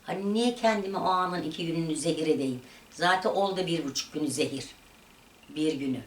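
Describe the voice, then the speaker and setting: Woman vlogger, lower register, lively storytelling, echoey room with faint noise. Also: a little fast, recorded from a distance. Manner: animated retelling of a quarrel, voices rising and dropping. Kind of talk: casual storytelling.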